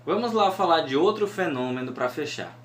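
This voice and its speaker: A man with a Northeastern Brazilian accent teaching a lesson on cordel poetry, patiently explaining and slowly scanning verse syllables aloud. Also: fairly high pitch, animated, a bit bright, soft background music. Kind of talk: mini-course lesson. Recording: echoey room, faint hum.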